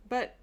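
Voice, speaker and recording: A woman's slightly mellow voice, with the highs cut off, hosts a flosstube craft vlog. In a casual chat showing her haul, she gushes eagerly and repeatedly restarts what she is saying.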